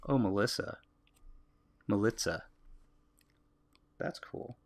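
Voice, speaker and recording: A lowish, gravelly American male voice talks casually as he works on a drawing. He muses aloud and answers viewers' comments in a relaxed, easygoing way. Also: slow. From United States. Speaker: artist livestreaming a drawing.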